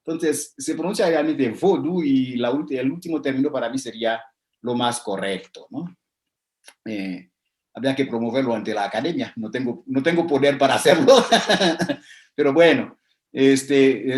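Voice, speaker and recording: A man giving a spoken lecture over slides, explaining terms carefully with many fillers, pauses and restarts. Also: medium pitch, darkish tone. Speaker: lecturer on religion. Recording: echoey room.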